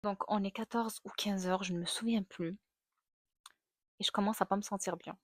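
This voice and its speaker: A woman's voice: mid-range voice, moderate pace, dry recording, studio quality. Young woman telling a candid story. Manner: candid, animated retelling with many fillers. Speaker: vlogger. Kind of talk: casual personal storytelling.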